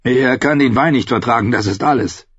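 A man's voice: mid-range voice, brisk, fairly bright tone, slightly rough, no echo, voice pushed up. A man voicing a menacing soldier who speaks in a cool, dismissive way. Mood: sly. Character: tall bearded menacing soldier. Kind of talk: audiobook character voice. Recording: dull, lo-fi, dry.

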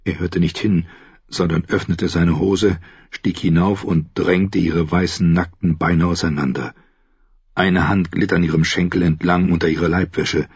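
A man reading an audiobook aloud as narrator, calm and even. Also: low-pitched, unhurried, slightly rough, no echo. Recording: dry, dull close recording.

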